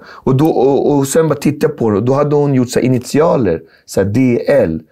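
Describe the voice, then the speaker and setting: A middle-aged man, telling a personal story in a casual conversation, animated and full of slang and fillers. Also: medium pitch. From Sweden. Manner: animated, acts out dialogue, street slang, lots of filler. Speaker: guest.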